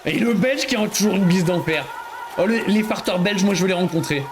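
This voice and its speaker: A man giving live commentary on a video game he is playing, excitable and joking, often breaking into exclamations. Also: sits high, brisk, background noise. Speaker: streamer.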